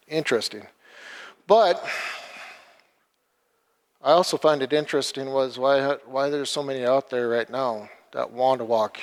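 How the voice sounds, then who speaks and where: Male lay preacher, mid-pitched, plain conversational delivery, stumbles and repeats, long hall reverb. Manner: halting, repeats words, retells a film scene. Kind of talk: informal sermon. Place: church hall.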